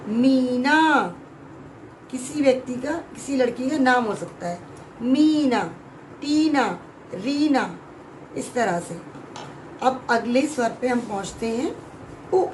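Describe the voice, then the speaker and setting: A woman teaching young children a grammar lesson, explaining slowly and clearly, stretching out sounds and often checking whether they have understood. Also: high-pitched, lively intonation, a little mellow, slight background noise, low-quality recording. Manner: drawn-out sounds, frequent check-in questions. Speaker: Hindi teacher.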